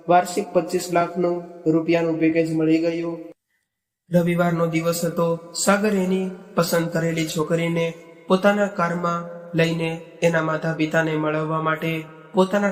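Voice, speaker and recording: A man narrating a moral story in a steady, unhurried way. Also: a little high. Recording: echoey, reverberant room with faint music. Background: faint background music.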